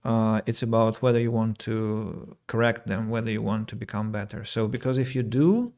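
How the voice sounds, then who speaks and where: A Russian man who teaches English talks alone on his podcast, reflecting on listeners' comments and reading them aloud. His lowish, darkish voice is gravelly with vocal fry and moves at a moderate pace. He fills his speech with fillers and often starts phrases over.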